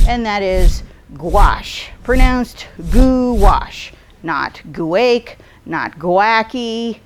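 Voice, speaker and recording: A woman's voice: medium pitch, slight background noise. A middle-aged woman presenting a short art tip for a store, chatty and explanatory, with fillers and self-corrections. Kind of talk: casual instructional talk.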